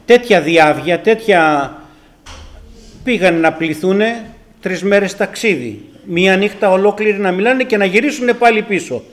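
An older man from Greece telling his personal testimony to a congregation, earnest and emphatic, his loudness rising and falling. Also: sits high. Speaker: church member giving testimony.

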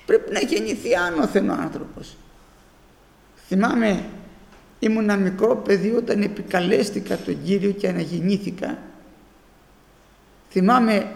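A man's voice: high-pitched, gravelly, roomy sound, big-room sound. A man preaching a sermon with fervour, his voice rising into exclamations as he speaks.

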